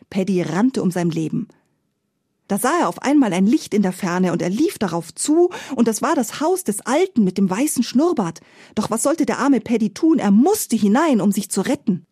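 A woman storyteller narrating a fairy tale in a lively, playful way, recorded close and dry. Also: a little high, husky, no echo.

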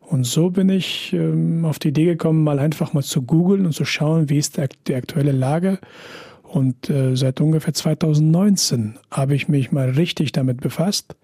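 A man in his thirties from Afghanistan, a podcast guest who answers thoughtfully and hesitantly, with many pauses and fillers. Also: a little high, dark tone, breathy edge, dry recording, studio quality. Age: 30s. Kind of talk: interview.

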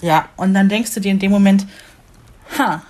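A woman chatting casually in German, telling lively anecdotes and laughing often. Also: mid-range voice, fast. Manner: animated storyteller, laughs often. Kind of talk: casual chat.

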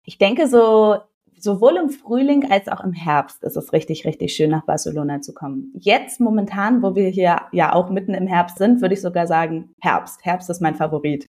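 A woman's voice: lowish voice, moderate pace, darkish tone. A young woman from Germany, a guest on a podcast, enthusiastically giving travel tips in casual chat.

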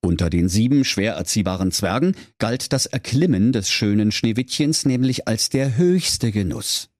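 A man's voice: fairly low pitch, animated, normal speed, darkish tone, dry recording, studio quality. A man narrating a comic fairy tale in a mock-solemn storytelling manner.

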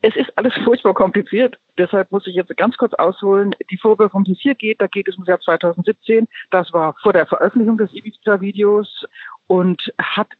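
A woman's voice: mid-range voice, a little fast, no echo. Woman correspondent on a tinny phone line. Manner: explanatory, with hesitant fillers. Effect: poor-quality phone line. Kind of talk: news phone interview. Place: on a train. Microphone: mobile phone.

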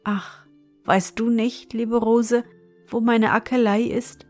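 A woman's voice: fairly high pitch, little pitch movement, slow pace, darkish tone, faint music behind. A woman doing a tender, anxious fairy-tale mother. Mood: tender, longing.

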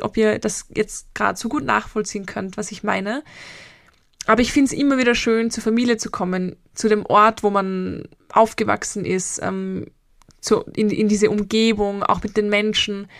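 A woman in her late twenties with an Austrian accent speaks in a reflective solo podcast, drifting from thought to thought and pausing to hesitate. Her voice is mid-pitched and the recording is dry and close, with no room sound. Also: vocal fry, dry recording. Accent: Austrian German. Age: 20s. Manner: rambling and personal, with frequent hesitations. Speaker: mental coach and podcast host.

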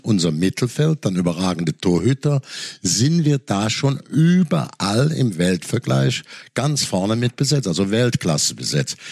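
A man's voice: medium pitch, gravelly, darkish tone, dry recording. A man talking football as a pundit in a casual studio chat, rambling through tactical analysis with many asides.

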